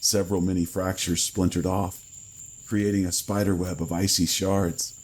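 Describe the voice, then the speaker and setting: A man reading a first-person horror story in a slow, grave storytelling manner. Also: low-pitched, flat delivery, darkish tone, husky, low-quality recording. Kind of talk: scripted horror narration.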